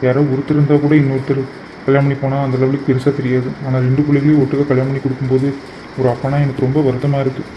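A man voicing a gentle, emotional father in a cartoon who talks softly and pleads with his daughters. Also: mid-range voice, monotone, very fast, slight background noise, close to an everyday voice. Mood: sad. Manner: soft, pleading, consoling. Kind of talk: cartoon voice acting. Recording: muffled lo-fi recording.

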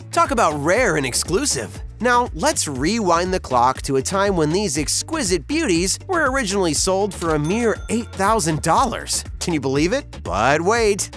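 Scripted list-video narrator, showy salesy delivery, very animated intonation. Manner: hyped, playful sales-pitch delivery.

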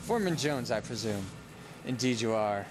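A man's voice: mid-range voice, lively intonation, normal speed. Young male gamer narrating his playthrough casually, trips over his words, audible background noise. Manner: rambling, self-correcting, muttering to himself. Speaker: let's play gamer. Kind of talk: casual gameplay commentary. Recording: home recording with noise.

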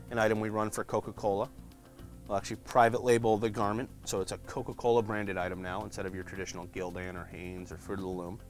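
A man giving a casual tour of a print shop's department, explaining products with frequent fillers. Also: fairly low pitch. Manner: relaxed, frequent "uh" fillers, explains while flipping through shirts. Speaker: print shop department guide. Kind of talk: casual walkthrough showing products.

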